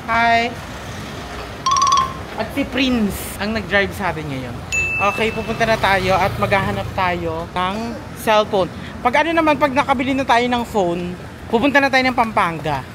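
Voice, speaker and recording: Vlogger, chatty and excitable, cracks jokes, mid-pitched voice, handheld phone audio with loud traffic behind. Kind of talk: casual vlog chat. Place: outdoors on city streets and in a phone shop. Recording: busy street noise. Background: traffic noise.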